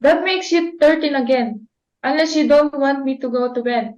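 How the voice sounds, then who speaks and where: A woman's voice: sits high, normal speed, darkish tone, roomy sound, dull audio, lightly acted. A woman reading the part of a young daughter in a student dramatic reading, speaking in a plaintive, pleading way. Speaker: student reader.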